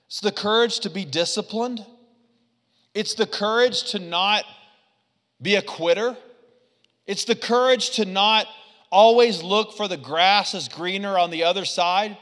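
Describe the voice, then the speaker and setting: A man preaching a lively sermon, swinging from loud punches to quiet asides. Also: sits high, long reverb tail. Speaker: pastor.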